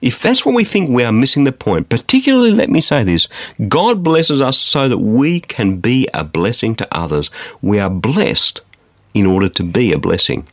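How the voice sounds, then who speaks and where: A man's voice: moderate pace, dry recording. A man preaching a radio sermon, swinging his voice up and down for emphasis. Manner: animated preaching, dramatic pitch swings on quotes. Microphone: studio microphone.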